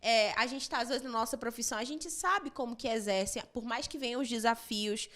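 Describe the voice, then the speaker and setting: A woman's voice: on the high side, brisk, fairly bright tone. A woman hosting a church podcast, reflecting at length on what her guest has shared. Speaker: podcast host. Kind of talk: podcast conversation.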